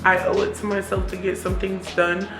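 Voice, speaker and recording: A woman's voice: medium pitch, little pitch movement, normal speed. A woman vlogger chatting casually and confessionally, candid and reflective, talking herself into encouragement. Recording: roomy echo with music behind.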